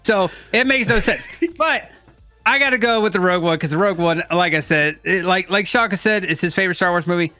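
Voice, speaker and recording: Man, co-host, casual joking chat, sharp bright tone, dry mic. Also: sits high, fairly quick, no echo, soft background music.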